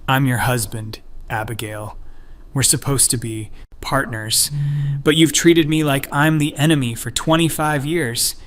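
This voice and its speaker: A man's voice: mid-range voice, fairly even intonation, a little slow, fairly bright tone, natural voice. A man voicing a hurt, angry middle-aged husband who speaks in a raised, reproachful voice.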